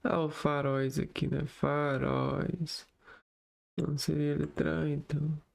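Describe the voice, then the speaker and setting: A man working through exam exercises aloud, slowly reading out words one by one and thinking aloud. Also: on the high side, completely flat delivery, gravelly. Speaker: exam tutor.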